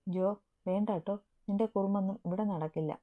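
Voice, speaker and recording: A woman's voice: medium pitch, steady tone, a little fast, close to an everyday voice. A woman voicing Krishna, a playful young wife. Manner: playful, coaxing. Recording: narrow phone-like sound.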